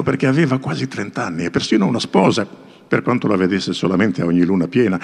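A man telling a myth in a lively, expressive reading. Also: medium pitch, creaky, slightly rough. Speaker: storyteller. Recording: faint music behind.

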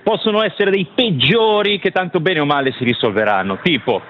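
A man calling in over the phone to chat on a radio show, a slightly high voice with a talkative, storytelling manner. The phone line sounds muffled, with a faint hiss of background noise. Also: fairly quick. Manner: chatty storyteller, lively anecdotes. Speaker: caller.

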